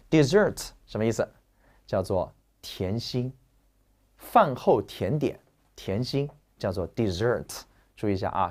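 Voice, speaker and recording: Joking, lively man teaching vocabulary. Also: medium pitch. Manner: lively, joking, slangy explaining. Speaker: English teacher. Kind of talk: classroom vocabulary lecture.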